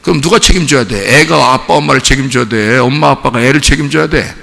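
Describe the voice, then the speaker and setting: A male pastor preaching a sermon. He swings from quiet musing to shouted, childlike pleading. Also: mid-range voice, fast, gravelly, in a large hall. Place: church sanctuary.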